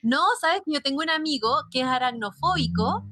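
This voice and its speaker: A Chilean woman hosting a radio show, telling anecdotes in a lively, casual way. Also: high voice, brisk, no room sound. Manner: lively storyteller, animated retelling. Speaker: radio host.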